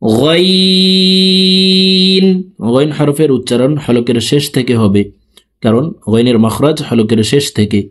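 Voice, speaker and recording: A man teaching letter pronunciation, explaining each sound slowly and then chanting it with long drawn-out vowels. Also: mid-range voice, dark tone, breathy edge. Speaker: Quran reading teacher.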